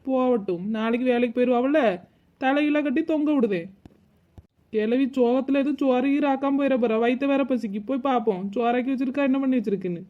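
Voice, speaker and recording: A woman's voice: high-pitched, fairly quick, phone-quality sound, natural voice. A woman voicing a cheeky, lazy young wife, always hungry and talking back. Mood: grumbling. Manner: cheeky, talks to herself, sweetly impudent. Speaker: lead character. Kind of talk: cartoon comedy voice acting.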